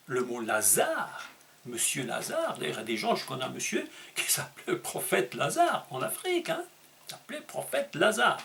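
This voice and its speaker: A man preaching a sermon, emphatic and teaching, asking rhetorical questions and leaping up in pitch on key words. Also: wildly swooping pitch, gravelly, bright, forceful tone, a little hiss or hum. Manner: emphatic teaching tone with dramatic pitch leaps and slowed stressed words.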